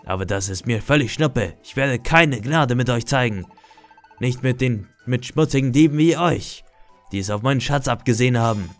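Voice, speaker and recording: A menacing, greedy male monster , voiced by a man reading the game text, growls out his threats in a loud, drawn-out voice. Faint game music plays behind him. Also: medium pitch, lively intonation, natural voice. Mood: threatening.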